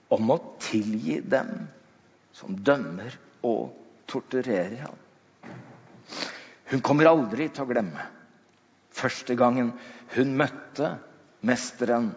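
A man preaching in a dramatic storytelling style, slowing down and dropping low for emphasis. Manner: slows down and drops low for emphasis. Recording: dull sound in a long-echo hall.

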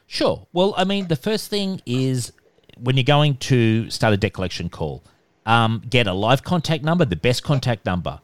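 Nasal man giving calm advice. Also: mid-range voice, normal speed, no echo. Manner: calm, instructive, repeats "okay". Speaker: debt collection expert. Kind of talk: podcast interview answers.

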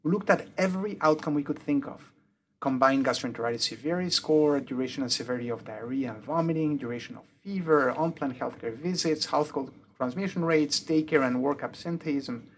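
He speaks high and brisk: a UK-born pediatric emergency doctor raised in Mexico, whose accent mixes French and Mexican Spanish. Interviewed about his research, he goes through it methodically, listing points in a steady explanatory manner.

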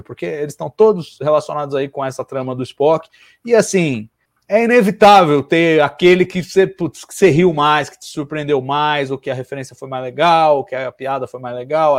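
A man's voice: fairly high pitch, dry recording. Man host in a dry close sound. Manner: steers the talk, playful. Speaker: podcast host. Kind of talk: casual chat.

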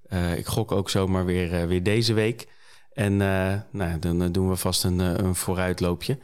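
A man's voice: low-pitched, flat delivery, moderate pace, a little mellow, clear, resonant tone. A Dutch man hosting a casual podcast, talking with many fillers and restarts. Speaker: podcast host.

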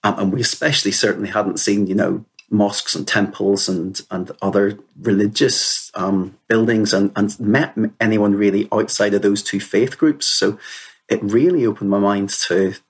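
Low and slightly rough, his voice moves at a normal speed with fairly even intonation. He's a man in his fifties from Northern Ireland, an interview guest reflecting on personal stories in an earnest, chatty way full of "you know."

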